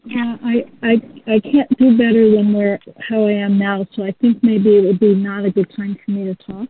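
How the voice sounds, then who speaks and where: A woman on a webinar, talking hesitantly with many pauses, heard through a muffled speakerphone. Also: mid-range voice, level tone, a little hiss or hum. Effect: muffled speakerphone sound. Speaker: panelist on a webinar. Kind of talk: unprepared casual remarks. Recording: muffled phone line.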